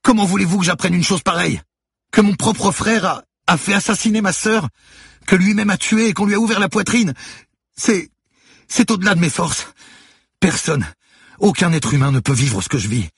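Male narrator doing a weeping young woman, high and husky, dry booth. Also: normal speed, a bit bright, dry recording, heavily acted. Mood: anguished. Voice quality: tearful, wailing. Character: distraught young woman, sobbing, desperate.

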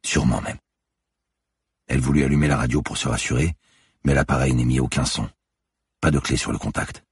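A man narrating a suspense audiobook in a measured, dark reading. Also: a bass voice, steady tone, breathy edge, no echo, studio quality.

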